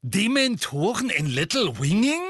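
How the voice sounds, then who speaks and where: A man doing a brisk, stern female official. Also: high voice, big pitch swings, pushed and bright, no room sound, studio quality, pitched above the performer's own voice, heavily acted. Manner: crisp, matter-of-fact.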